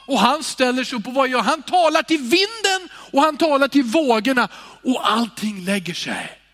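A man preaching a sermon in a high-pitched voice. His delivery is expressive, rising to loud calls and dropping to sighing, near-whispered words. The sound carries a long reverb from a church hall.

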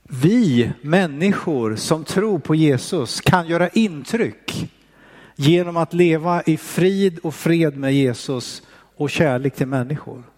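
Preacher man, fairly high voice. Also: slow pace, a little mellow, in a large hall. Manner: hesitant, with fillers, pastoral. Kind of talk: sermon.

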